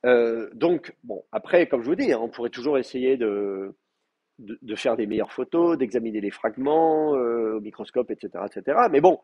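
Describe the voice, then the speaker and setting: A man's voice: medium pitch, animated, normal speed, breathy edge, highs cut off. A man lecturing a Hebrew class, explaining patiently with many fillers and restarts. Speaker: Hebrew teacher. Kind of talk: university lecture.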